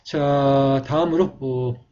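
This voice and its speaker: Mellow-voiced man teaching script. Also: mid-range voice, fairly even intonation. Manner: slow, explanatory, drawn-out vowel demonstrations. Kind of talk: calligraphy lesson. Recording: dull lo-fi recording.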